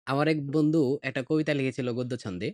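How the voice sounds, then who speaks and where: A middle-aged man with a Bangladeshi Bengali accent, teaching poetry meter on a podcast in a slow, patient way and reciting verses with feeling. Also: medium pitch, darkish tone, dry recording. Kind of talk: explanatory lesson podcast.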